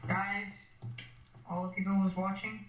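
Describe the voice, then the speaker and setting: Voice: medium pitch, little pitch movement, measured pace. A co-player chatting over a call, teasing and bantering. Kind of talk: casual banter. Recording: roomy voice-call audio.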